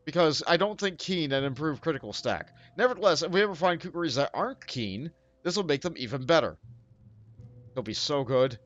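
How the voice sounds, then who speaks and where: A man's voice: fairly high pitch, sing-song, brisk, few pauses, a bit bright, muffled recording. A man hosting a let's play, thinking aloud in casual game commentary, full of fillers.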